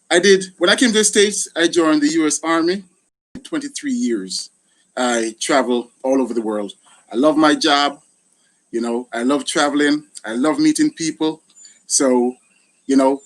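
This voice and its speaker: Speaking at a measured pace in a fairly high voice, this gardening channel host and retired soldier leads a casual live chat. He is middle-aged, has a Jamaican accent, and frequently thanks people.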